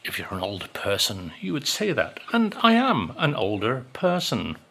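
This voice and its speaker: A man's voice: mid-range voice, huge pitch swings, moderate pace, gravelly, a bit bright. A man in his sixties chatting casually to camera as a vlogger, rambling and wry with lots of ums. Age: 60s.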